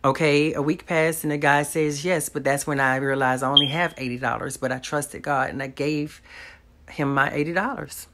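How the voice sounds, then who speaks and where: A woman's voice: deep voice, steady tone, normal speed, a bit bright, slight background noise. Woman, 30s; sincere to-camera testimony, close phone mic, small home room. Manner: earnest, talks straight to viewers, faith-filled. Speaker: vlogger.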